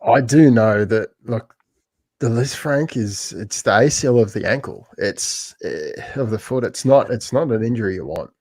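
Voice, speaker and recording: A man co-hosting a casual sports podcast, talking in a blokey, sweary, halting way with his mates. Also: medium pitch, lively intonation, darkish tone, no echo, studio quality. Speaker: podcast co-host.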